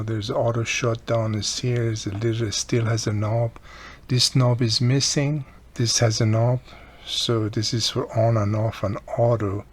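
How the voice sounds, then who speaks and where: With a little hiss or hum in the recording, a mid-range male voice talks through a repair while doing it. He's a radio repair hobbyist and host, speaking off the cuff in a relaxed way, his grammar sounding non-native and articles frequently dropped.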